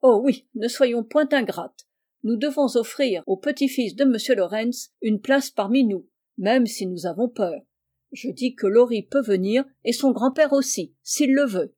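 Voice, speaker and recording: Woman reading as a shy gentle girl. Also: fairly high pitch, a little slow. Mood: earnest. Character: shy gentle young girl, timid but brave.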